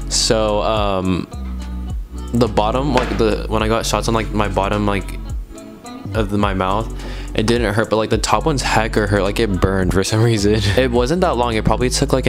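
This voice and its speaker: A man's voice: on the low side, steady tone, brisk, music in the background. A young man chatting casually to camera in a hesitant, rambling way, with a slight lisp from wearing retainers. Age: young adult. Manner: hesitant, rambling speech full of "like". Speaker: video blogger.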